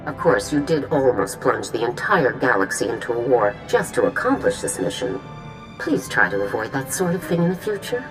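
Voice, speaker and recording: A woman playing a stern, commanding military general in a video game, with a brisk, authoritative manner. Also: extremely low pitch, sing-song, low-quality recording. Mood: stern, dry. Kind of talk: video game cutscene acting. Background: music.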